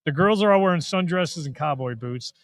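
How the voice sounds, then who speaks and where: A man's voice: a little high, expressive, brisk, no echo. A man co-hosting a live basketball draft reaction, a columnist telling jokey stories and giving opinions. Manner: storytelling, jokey banter. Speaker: sports columnist co-host. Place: arena media room.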